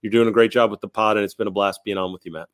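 A man's voice: on the low side, fairly even intonation, rapid-fire, smooth, no room sound. A man, likely in his thirties, telling stories as a podcast guest in a casual, rambling, enthusiastic way, often repeating words. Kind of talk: casual interview storytelling.

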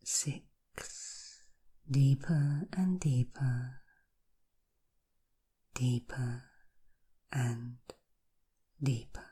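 Her voice is very deep, dark, and slightly rough as she runs a guided hypnotherapy session. She speaks softly, half in a whisper, giving slow suggestions over and over.

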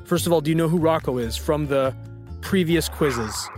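A man's voice: fairly high pitch, normal speed, a little mellow, soft background music. A man hosting a casual trivia quiz, upbeat and teasing as he quizzes a caller. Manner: upbeat, playful, teasing quizmaster. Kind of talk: casual podcast quiz banter.

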